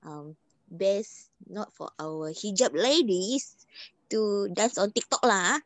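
A woman's voice: medium pitch, slow, no room sound. Playful Singaporean woman chatting in Singlish. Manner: playful, self-deprecating, giggly. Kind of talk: casual Singlish chat.

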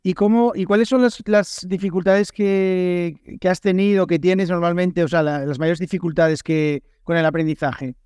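A man's voice: high-pitched, steady tone, moderate pace, few pauses, darkish tone, clean tone, dry recording, studio quality. A man from Spain with a Spain Spanish accent, a podcast host and teacher, chatting casually as he interviews a guest.

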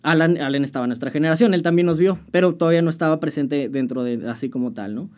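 The young musician guest talks fast in a high-leaning, darkish voice with a Mexican accent. His interview is casual, and he tells his story using slang and restarting often.

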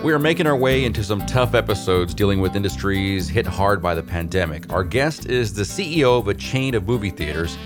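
A man hosting a business interview show, reading a prepared introduction in a measured way. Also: fairly low pitch, music in the background. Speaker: podcast host.

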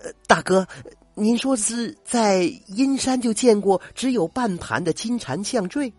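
An older man voicing a gentle, grateful young woman in disguise, with soft, earnest speech, in a told folk tale. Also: medium pitch, a little slow, husky, no room sound, pitched above the performer's own voice. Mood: puzzled.

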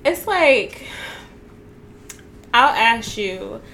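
A woman's voice: on the high side, animated, extremely slow, gravelly, fairly bright tone, slight background noise. A woman co-hosting a casual podcast chat, talking bluntly and ranting with laughter. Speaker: podcast co-host.

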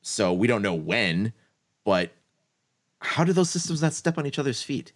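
A man's voice: mid-range voice, very animated, normal speed. A man co-hosting a casual gaming podcast, talking things through with hedges and frequent laughs. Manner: thoughtful, hedging, laughs often.

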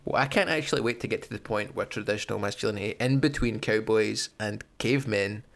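A man co-hosting a podcast, chatting casually with crude, deadpan jokes and frequent swearing. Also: on the low side, fast talker, gravelly. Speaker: podcast co-host. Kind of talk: casual chat.

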